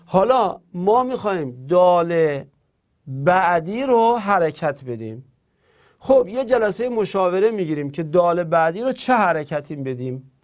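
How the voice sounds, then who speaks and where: A man's voice: sits high, very animated. A man teaching Arabic grammar in Persian, spelling words out syllable by syllable and adding playful asides. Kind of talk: classroom lesson.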